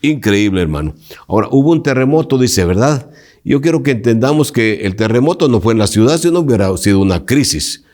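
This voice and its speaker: A man's voice: medium pitch, expressive, fairly quick, a little mellow. A male pastor teaching a Bible lesson, emphatic and preacherly, putting direct questions to his listeners.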